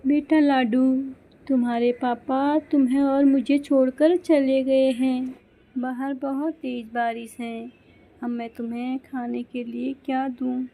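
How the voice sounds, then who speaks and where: A woman voicing an anxious, hurt mother sparrow who talks in a soft, complaining way. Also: sits high, little pitch movement, slow pace. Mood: sad.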